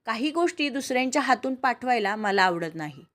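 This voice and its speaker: A woman's voice: a little high, lively intonation, a little fast, lightly acted. Brief: earnest, courteous young heroine, read by a female storyteller. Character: young woman, polite and determined.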